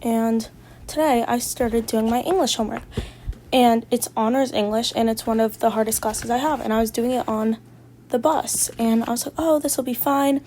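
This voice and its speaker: A woman's voice: on the high side, fairly even intonation, normal speed, warm tone, slight background noise. A teenage girl ranting casually about her day, exasperated and rambling, with lots of fillers. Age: teens. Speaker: vlogger. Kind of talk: casual rant vlog.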